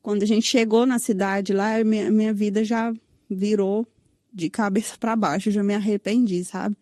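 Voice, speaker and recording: A woman's voice: mid-range voice, steady tone, moderate pace, mellow, dry recording, studio quality. A woman from São Paulo with a Brazilian accent, telling her personal story in an interview and tagging sentences with "né?". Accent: Brazilian Portuguese, São Paulo. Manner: recounts with many "né?" tags and quoted dialogue. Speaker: guest sharing her testimony. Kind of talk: emotional personal testimony.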